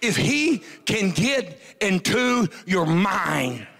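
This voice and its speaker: A man preaching at a revival, fervent and often shouting, with a stutter and sudden quieter passages. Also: high voice, very animated, extremely slow, vocal fry.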